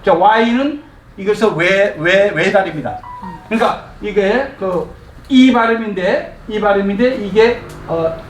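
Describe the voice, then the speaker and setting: High-voiced male teacher leading a live class. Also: unhurried, recorded from a distance, faint music behind. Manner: lively, coaxing, chuckles while explaining. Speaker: English teacher. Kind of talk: live classroom lecture with call-and-response drills. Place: room with a live audience. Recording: echoey room recorded from afar, faint ambient noise.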